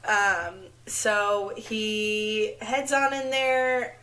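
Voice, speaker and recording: A woman co-hosting a podcast, recapping a film in an unhurried casual chat with many fillers. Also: mid-range voice, sharp tone. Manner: slow and unhurried, with filler words. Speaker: podcast co-host.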